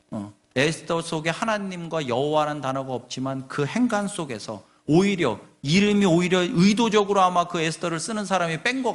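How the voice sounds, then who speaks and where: A man's voice: on the high side, a bit bright. A male pastor giving a sermon in a conversational way, asking the congregation rhetorical questions and acting out quoted speech. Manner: acts out nagging voices and quoted speech.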